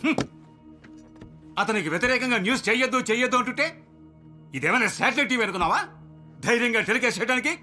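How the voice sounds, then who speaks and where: A man's voice: extremely high pitch, rapid-fire, long pauses, pushed and bright, soft background music, full character voice. An actor dubbing a cynical TV channel boss who berates his reporter with contempt. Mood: scolding. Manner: scolding, contemptuous. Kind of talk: dubbed film dialogue.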